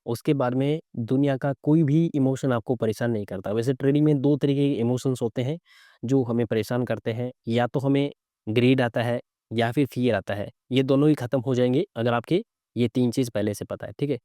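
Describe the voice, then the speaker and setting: A trading instructor hosting live trades talks fairly quickly in a soft, mellow, medium-pitched voice, recorded close and dry without echo. Though his throat is slightly sore, he teaches chart reading conversationally, frequently tacking on little questions to check understanding.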